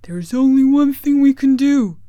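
A woman's voice: high voice, expressive, measured pace, dark tone, no room sound, pitched above the performer's own voice. A woman voicing a big, cowardly male lion in a storybook, pleading earnestly with emphatic declarations. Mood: resolute, gloomy.

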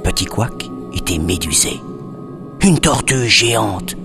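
A man narrating a children's story expressively, dropping to a hush at suspenseful moments. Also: fairly low pitch, lively intonation, slow, music in the background.

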